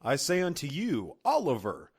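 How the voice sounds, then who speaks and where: A man with a mid-pitched voice that moves a lot, chatting playfully on a comedy podcast. He tosses out innuendo and reads verses in turn. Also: huge pitch swings, moderate pace, breathy edge. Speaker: podcast co-host. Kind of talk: casual comedic chat.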